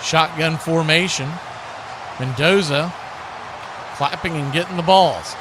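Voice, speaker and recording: Speaking slowly in a fairly high voice, a play-by-play man calls live American football through short, clipped phrases, lifting his volume on big plays. Background noise fills the live stream.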